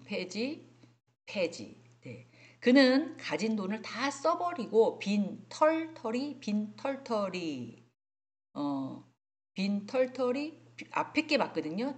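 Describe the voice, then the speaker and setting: A woman instructor giving a spelling lecture to adult learners, chatty and animated, often acting out little example scenes. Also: mid-range voice. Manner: animated, acts out examples, frequent fillers.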